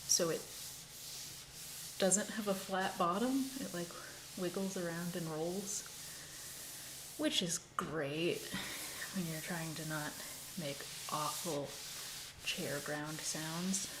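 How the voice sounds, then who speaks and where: A woman's voice: lowish voice, takes it slowly, pauses often. A woman chatting casually through a crochet livestream in a rambling way, her voice carrying a cave-like echo. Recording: echoey cavern-like room, faint background noise.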